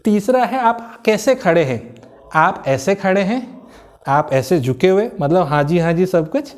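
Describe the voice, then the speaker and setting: A man's voice: sits high, big pitch swings, unhurried. A man giving a motivational lesson on communication skills. He explains step by step with everyday examples, repeats key words for emphasis and mixes English phrases into his talk.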